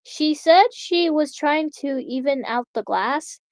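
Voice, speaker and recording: Woman voicing a young female test subject, hesitant, halting, fairly high, dry close recording. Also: lively intonation, a little mellow, dry recording, exaggerated voice.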